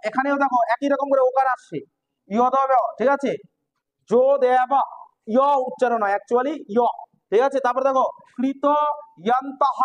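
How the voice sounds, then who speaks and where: A man with a Bengali accent and a very high voice explains grammar rules step by step to his students. He keeps repeating the same check-in questions to make sure they follow. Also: poor audio. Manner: keeps asking if students understand. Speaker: teacher.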